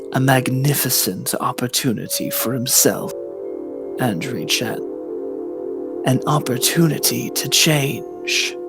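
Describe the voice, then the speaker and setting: Man as a slow, gravelly space saga narrator. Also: mid-range voice, full character voice. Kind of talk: scripted dramatic narration.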